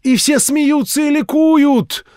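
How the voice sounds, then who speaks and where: A man voicing a fervent old street preacher woman in an audiobook, loud and drawn-out in a preaching manner. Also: extremely high pitch, no echo, clean studio sound, pitched above the performer's own voice. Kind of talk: audiobook reading.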